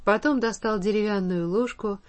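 Woman reading a story aloud. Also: medium pitch. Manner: measured, even storytelling. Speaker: narrator.

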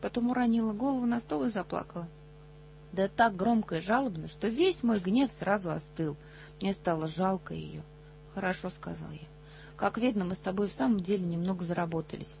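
A woman reading a children's story aloud with animated expression, acting out the dialogue. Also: medium pitch, a little fast, creaky, a little hiss or hum.

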